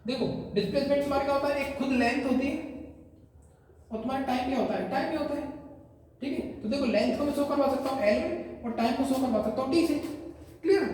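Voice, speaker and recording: A man's voice: very high voice, dark tone. A man teaching a physics lesson, explaining step by step and asking his students questions as he goes. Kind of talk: classroom lecture. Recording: echoey room, far from the mic, faint noise.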